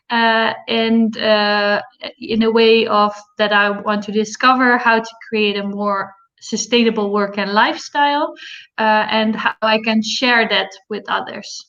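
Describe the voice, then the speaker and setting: A woman from the Netherlands presenting to an online conference over a video call, her voice pitched a little high. She talks hesitantly, with many fillers. The sound is dull and lo-fi. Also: fairly bright tone. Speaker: guest speaker, social entrepreneur.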